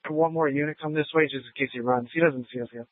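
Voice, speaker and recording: A man's voice: on the high side, steady tone, quick pace, no room sound. A man in the field calling out terse, urgent updates during a chase, heard over a police scanner radio. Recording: dry, tinny radio band.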